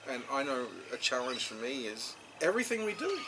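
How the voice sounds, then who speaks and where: A man hosting a relaxed conversation, rambling and chatty with lots of fillers. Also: medium pitch, brisk. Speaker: host. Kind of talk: casual conversation. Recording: noticeable background noise.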